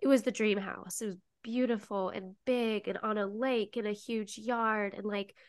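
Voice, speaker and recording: A young woman co-hosts a casual podcast chat, talking freely but tearfully, her voice sniffly and full of fillers like "like." Her mid-range voice is emotional but fairly even in intonation, at a normal speed, with no echo.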